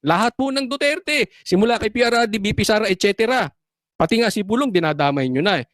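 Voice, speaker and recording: Brief: sarcastic political commentator, animated pitch, dry close mic, combative rhetorical style. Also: fast talker, no room sound. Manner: repeats words for emphasis, mixes in English phrases. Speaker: political vlogger.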